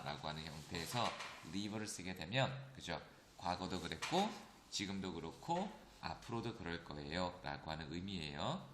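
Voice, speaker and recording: A man teaching an English grammar lesson, explaining step by step and often checking in with his students. He slows down to read English example sentences aloud. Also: deep voice, roomy sound, background noise. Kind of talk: recorded classroom lecture.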